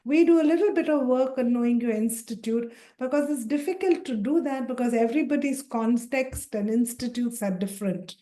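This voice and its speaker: On a video call, a woman with a mellow, high-leaning voice talks fairly quickly with few pauses. She's facilitating an online leadership workshop, cheerfully calling out participants' names one by one and introducing the session.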